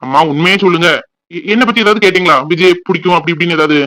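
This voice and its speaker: A man's voice: high voice, very fast, sharp tone, dry recording, low-quality recording. A man voicing an anxious young man in love who pesters his mother in a cartoon. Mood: eager. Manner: eager, pleading.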